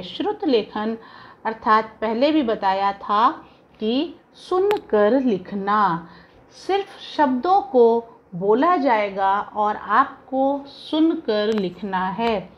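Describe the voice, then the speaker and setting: A woman's voice: fairly high pitch, lively intonation, slow pace, dull audio. A woman teacher giving a phonics lesson to young children, spelling each word out syllable by syllable and then drawing out the whole word. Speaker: primary school teacher. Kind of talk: slow Hindi phonics lesson, spelling words letter by letter.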